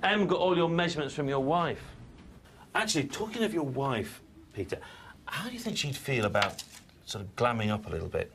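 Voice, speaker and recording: Awkward adviser, hedging, bouncy lively voice. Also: male voice, medium pitch, brisk, slight background noise. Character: awkward, tactless male image adviser.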